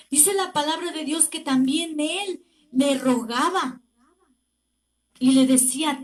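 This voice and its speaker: Mexican woman preaching a sermon, really high voice, slow and deliberate, keeps throwing in praise words. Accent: Mexican Spanish. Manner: fervent preaching, often interjecting praise words; slow, deliberate delivery with emphatic pauses.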